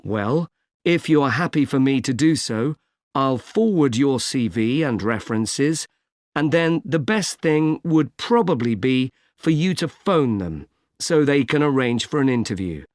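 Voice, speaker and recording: A man plays a helpful recruitment agent who talks in a measured, careful way, with a mid-range voice. He spells names out slowly. The recording is dry and close. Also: medium pitch, expressive, dry recording, close to an everyday voice. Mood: calm. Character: helpful male recruitment agent, patient and polite. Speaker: employment agency consultant. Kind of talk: scripted exam dialogue.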